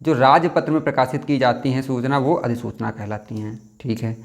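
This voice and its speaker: Self-correcting man teaching spelling. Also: medium pitch. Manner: thinks aloud, repeats words and corrects himself; drawls words out slowly to spell them. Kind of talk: exam practice lesson.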